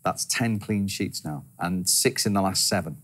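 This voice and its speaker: A man's voice: sits low, moderate pace, a bit bright, slightly rough. A man hosting a football show, steering questions to the panel in a studio. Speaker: show host. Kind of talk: presenting football analysis.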